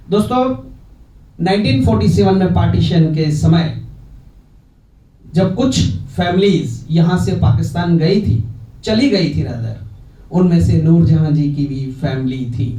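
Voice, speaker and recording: A man's voice: sits high, warm tone. A man hosting a music programme, announcing songs formally and mixing in English words. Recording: roomy, distant from the mic.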